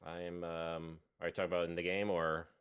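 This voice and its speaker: A man with a general American accent chats easygoingly on a game stream. His voice is very deep, and he laughs often and fills pauses with ums. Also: flat delivery, clean tone, muffled recording. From United States. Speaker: guest on stream. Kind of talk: casual chat on a game stream.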